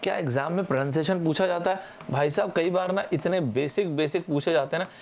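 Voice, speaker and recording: A young Indian vocabulary teacher runs a live session for exam aspirants, talking quickly in a voice that sits a little high. His style is relaxed and chatty: he spells words letter by letter and keeps asking viewers for answers in the comments, with slight background noise behind him.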